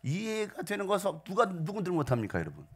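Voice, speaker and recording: A man preaching a Sunday sermon as pastor, moving from hushed asides to loud shouts. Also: quick pace. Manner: dynamic preaching, swinging between hushed whispers and loud shouts; gravelly voice with lively pitch. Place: church sanctuary.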